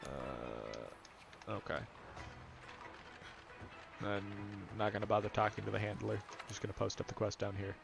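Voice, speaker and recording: A man's voice: fairly low pitch, measured pace, gravelly, long pauses. A man giving casual let's-play commentary, explaining game mechanics and thinking aloud. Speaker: gameplay commentator. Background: game music.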